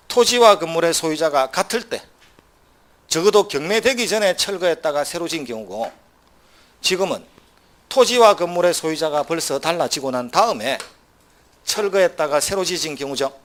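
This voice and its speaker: A man teaching a civil law exam prep lecture, quizzing students with quick either-or questions and dropping wry asides. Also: a little high, a bit bright. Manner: wry asides with short laughs.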